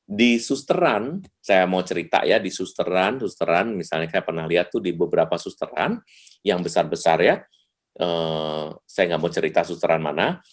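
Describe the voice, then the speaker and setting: A man giving a lively seminar talk over a video call, acting out little dialogues with sudden jumps in pitch. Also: normal speed. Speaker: seminar speaker.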